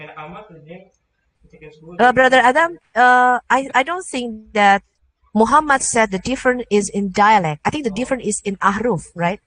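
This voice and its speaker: A woman hosting a discussion, briskly putting pointed questions to guests and summing up their answers. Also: on the high side, expressive, a bit bright. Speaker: host and interpreter. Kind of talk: moderating a discussion.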